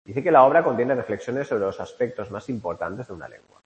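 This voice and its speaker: A man's voice: medium pitch, expressive, brisk. A man teaching a lesson about a literary text in a chatty way, with asides, rhetorical questions and fillers. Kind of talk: spoken lecture on a literary text. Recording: lo-fi sound with long hall reverb.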